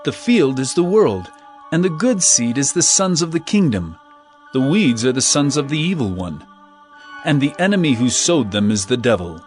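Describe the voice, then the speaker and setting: An actor plays an earnest male teacher of parables in a dramatized scripture reading, lightly acted and set over soft background music. His medium-pitched, darkish voice swings widely in pitch, with measured, emphatic, declamatory phrasing and a solemn, explanatory mood.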